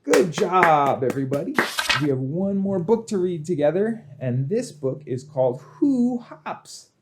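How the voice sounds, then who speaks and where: A man with a voice on the high side, darkish in tone, hosts a children's storytime with action songs and picture-book reading. He's a storytime librarian, very animated yet unhurried, speaking in an exaggerated, sing-song way to urge young listeners along. Slight background noise is present.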